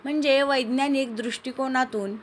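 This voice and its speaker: A woman's voice: sits high, steady tone, moderate pace, slight background noise, lightly acted. A woman voicing a joking young male office colleague with a wisecracking manner.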